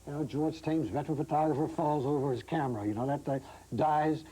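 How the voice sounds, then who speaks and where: A man's voice: a little high, steady tone, fairly quick, dark tone, breathy edge, poor audio. An older man, a veteran photographer, telling stories animatedly in a news interview, laughing often. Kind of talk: interview answers.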